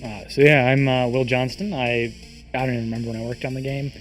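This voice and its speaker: A man on a voice call talks in a halting, unhurried way, stopping to search for words. His pitch is middling, and faint guitar music plays behind him. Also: steady tone. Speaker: former game team member guest. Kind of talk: casual voice chat.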